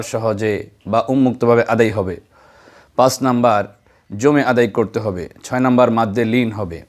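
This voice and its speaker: A man teaching correct pronunciation of Arabic letters for recitation, counting off points one by one and sounding them out as examples. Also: mid-range voice. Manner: methodical, counts points and demonstrates sounds aloud. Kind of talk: instructional lesson on letter pronunciation.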